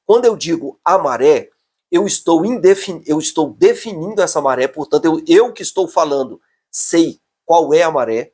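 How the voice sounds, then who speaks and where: A man with a Brazilian Portuguese accent teaching an online grammar lesson, talking slowly and emphatically and often checking in with "ok?". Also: a little high, animated, a little mellow, breathy edge. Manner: slow, emphatic teacher talk with many checking "ok?" asides.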